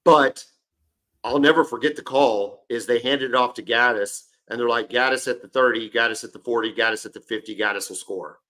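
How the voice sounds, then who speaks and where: This sports podcast co-host, a man in his forties, speaks a little fast with a medium pitch and sharp tone. An eager storyteller in casual chat, he regularly jumps in over his partner.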